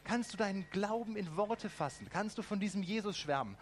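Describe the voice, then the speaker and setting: A man preaching a lively sermon, asking the congregation direct questions and adding ironic asides. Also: high-pitched, fairly quick, a little hiss or hum.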